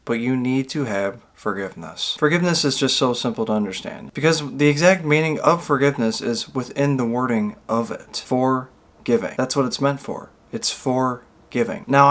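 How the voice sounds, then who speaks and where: A man's voice: mid-range voice, fairly bright tone. A man with a small video channel giving an earnest, rambling motivational monologue, drawing out key words for emphasis.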